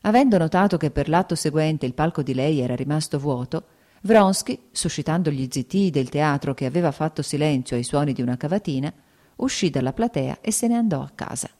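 A woman narrating an audiobook of a classic novel in a measured, even storytelling manner. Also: low-pitched.

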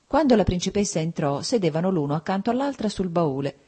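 A woman reading a classic novel aloud as an audiobook narrator, at a measured, steady pace. Her voice sits on the low side and carries a soft breathiness. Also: husky.

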